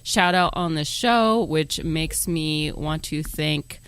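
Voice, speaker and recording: A woman's voice: low voice, slow, a bit bright, smooth, no echo. A woman co-hosting a podcast, chatting casually and running through the show plugs in a brash, joking way. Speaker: podcast co-host.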